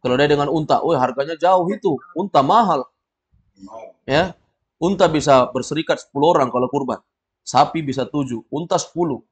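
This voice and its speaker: A man's voice: a little high, a little fast, slightly rough. A man leads a language class, drilling his students and quizzing them. He corrects mistakes directly and keeps the lesson moving. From Indonesia. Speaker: Arabic teacher.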